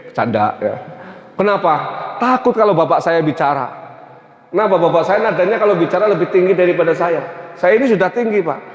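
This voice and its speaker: A man's voice: sits high, animated, brisk. A man from Tegal with a Tegal Javanese accent, giving a conversational religious lecture, often tagging phrases with "ya" and "Pak". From Tegal, Central Java. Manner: conversational, many "ya" and "Pak" tags. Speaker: Islamic teacher. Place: mosque hall. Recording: echoey hall, dull sound.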